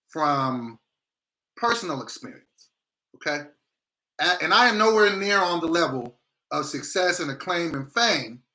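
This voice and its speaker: A man with a fairly high, bright, punchy voice hosts a casual livestream. He talks with a grill on his teeth. His way of speaking is slangy, blunt and opinionated. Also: rough recording. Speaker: livestream host.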